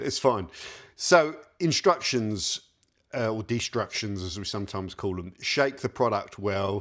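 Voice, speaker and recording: A man giving a casual car-care product review, reading labels aloud with wry asides. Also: fairly low pitch.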